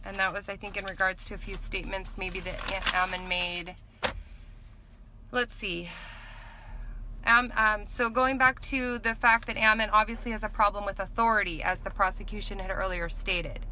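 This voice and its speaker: A woman in her thirties giving an informal recap from notes, earnest and opinionated, with halting moments as she checks them. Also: mid-range voice, steady tone, background noise. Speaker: vlogger recapping a court trial. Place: inside a parked car at night. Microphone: phone or camera at arm's length.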